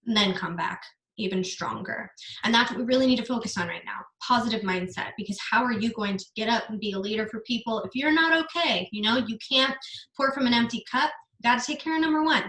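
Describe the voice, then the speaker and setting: A young woman giving a casual online business masterclass, earnest and energetic, now and then swearing. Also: mid-range voice, roomy sound, poor audio.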